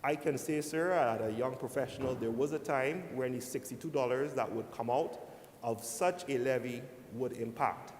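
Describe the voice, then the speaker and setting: A man giving a formal speech as a senator, deliberately addressing the chair and often saying "sir". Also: darkish tone. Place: large indoor legislative chamber. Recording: echoey hall, rumbling background noise.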